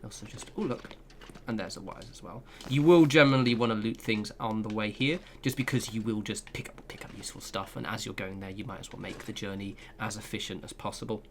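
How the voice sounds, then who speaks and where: Talking a little fast in a fairly low voice, this man rambles through a casual video game guide from his home room while flatmates are nearby. As a gaming video creator, he's chatty, given to asides, and leans heavily on "kind of" and "sort of." A little hiss or hum sits under the recording.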